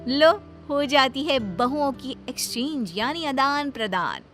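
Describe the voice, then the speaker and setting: A woman narrating an animated story in an expressive way. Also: high voice, measured pace, faint music behind.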